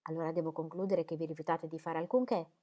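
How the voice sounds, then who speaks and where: A woman reading the lines of an impatient, indignant gentleman in an audiobook, in a pressing, earnest way. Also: sits low, steady tone, fast.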